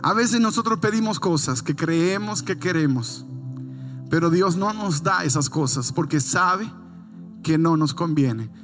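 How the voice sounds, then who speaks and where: A man's voice: a little high, lively intonation, fairly bright tone. A middle-aged man preaching a sermon in church, building emphatic, stressed lines and shifting into casual storytelling, with faint music behind. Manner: tells a family anecdote in quick, casual storytelling. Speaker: pastor.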